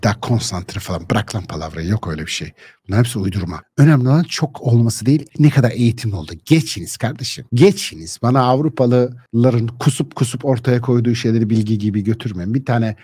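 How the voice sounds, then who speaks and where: Husky-voiced man lecturing combatively. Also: mid-range voice, lively intonation, fast, warm tone. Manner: combative, scornful, rhetorical questions; blunt slang, addresses listeners directly. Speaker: lecturer on social issues. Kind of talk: heated spoken monologue.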